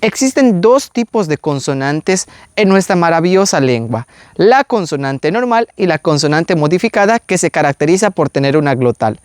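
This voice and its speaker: Man slowly teaching pronunciation. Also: fairly high pitch, sing-song, dry recording, clean studio sound. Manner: slow, deliberate, repeats each word several times. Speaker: Maya language teacher. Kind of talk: pronunciation lesson.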